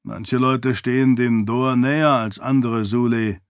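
A calm, sceptical male friend explains in a level voice, as a man puts him on. His pitch sits mid-range. The audiobook recording is dry and close. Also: measured pace, clean tone, no room sound, close to an everyday voice. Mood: explaining.

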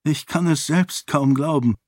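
Audiobook princess: proud, quick-tongued young woman, read by a man in a raised voice, dry sound. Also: a little high, darkish tone, dry recording, voice pushed up. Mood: earnest.

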